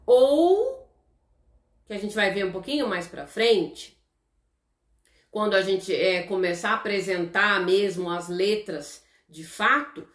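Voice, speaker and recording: This Brazilian woman speaks in a mid-range voice that echoes around the room as she teaches a live class online. Her Brazilian Portuguese accent colors a slow, explanatory delivery, and she keeps chatting with her audience, dropping frequent "tá?" checks.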